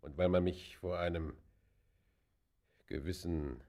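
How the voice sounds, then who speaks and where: With a deep, warm male voice, an actor portrays a defiant, proud traveller detained in a German radio play. He responds slowly with fairly even intonation, keeping his answers short, haughty, guarded and formal.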